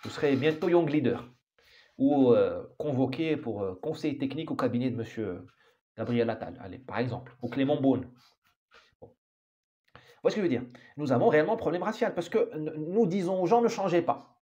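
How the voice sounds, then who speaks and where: Guy ranting about society, mellow low-ish voice, keeps restarting his words, kinda muffled recording. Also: lively intonation, moderate pace. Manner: emphatic, frequent restarts and repeated words. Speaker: author commenting on society. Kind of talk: opinionated monologue.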